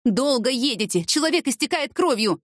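A woman voicing Yana, a restless young woman who talks in quick, pleading exclamations. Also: on the high side, lively intonation, no room sound, studio quality, pitched above the performer's own voice. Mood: agitated.

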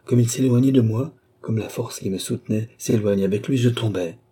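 A man's voice: fairly low pitch, moderate pace, warm tone, slightly rough. A man doing an entranced young noblewoman. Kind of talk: audiobook character reading.

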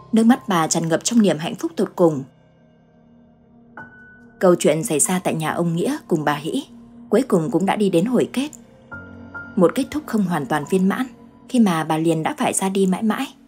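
A woman storyteller giving a measured, dramatic scripted narration of a ghost story. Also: lowish voice, darkish tone.

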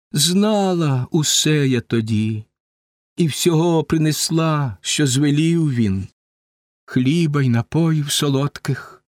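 A man voicing a kindly old nurse with a gentle, soothing delivery. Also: mid-range voice, no echo, lightly acted.

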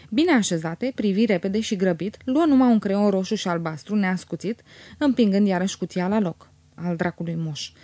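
Woman, audiobook narrator, measured expressive reading, warm voice, dry close sound. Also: medium pitch, no room sound.

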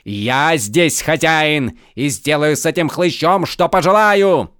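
A man voicing a spoiled, hot-tempered young male count who shouts shrilly and orders people about. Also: on the high side, sing-song, a little slow, no echo, clean studio sound, pitched above the performer's own voice. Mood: furious.

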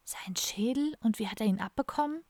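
A woman's voice: mid-range voice, animated, moderate pace, darkish tone, no room sound, lightly acted. A woman voicing an idealistic hippie man who asks curious, surprised questions.

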